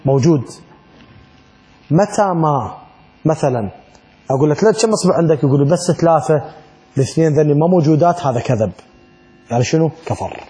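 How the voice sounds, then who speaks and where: A man's voice: a little high, lively intonation, fast, long pauses, dark tone. A middle-aged man with an Iraqi Arabic accent teaching a religious law class, asking the students questions and acting out little exchanges. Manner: asks the class rhetorical questions and acts out little dialogues. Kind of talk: classroom lesson on Islamic law.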